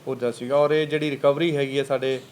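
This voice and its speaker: A man's voice: medium pitch, level tone, fast, a little mellow, a little hiss or hum. A man, a police officer briefing reporters in a rambling way, full of fillers and formal police terms. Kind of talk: press briefing answering reporters.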